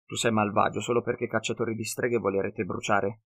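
A man voicing a cunning half-blood northern wanderer who speaks slow, broken, ungrammatical sentences in an audiobook. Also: on the low side, flat delivery, a bit bright. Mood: cunning, earnest.

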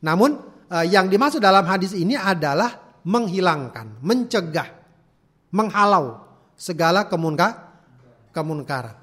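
A man with a fairly high voice leads a religious study class. He explains patiently, going back over key words and tagging his sentences with a questioning "ya." Now and then he cuts off a word and starts it again. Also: very animated, a little slow, pauses often, a bit bright. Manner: explanatory, repeats key words, frequent "ya" tags; restarts clipped words. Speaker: Islamic teacher.

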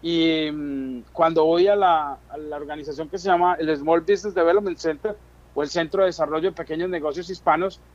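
In a muffled recording, a middle-aged man with a Colombian accent talks about his own life as an interview guest, using conversational Spanish. The business chamber chairman has a fairly high, steady voice and speaks fairly quickly.

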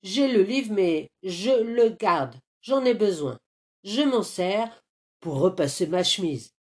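A woman's voice: mid-range voice, animated, takes it slowly. Woman doing a grumpy old neighbor man. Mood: grumbling. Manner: grumbling, shouting insults. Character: grumpy old man who hates children.

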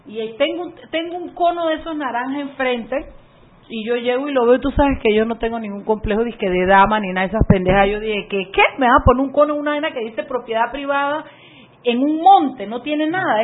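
A woman hosting a radio show, chatting casually and acting out voices as she tells stories. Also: on the high side. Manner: lively, chatty, acts out voices in anecdotes. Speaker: radio host. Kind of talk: casual radio chat and storytelling. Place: radio studio booth. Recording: narrow phone-like radio audio.

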